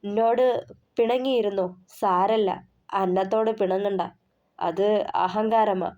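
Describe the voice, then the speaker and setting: A woman voicing a gruff but caring young husband who scolds and pleads. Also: medium pitch, steady tone, measured pace, a little mellow, lightly acted. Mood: pleading.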